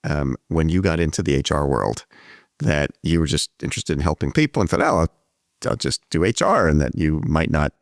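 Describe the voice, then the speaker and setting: A man hosting a podcast conversation, speaking in a measured, reflective way and explaining his ideas at length. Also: a bass voice, animated, dry recording, studio quality. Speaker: podcast host. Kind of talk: conversational interview.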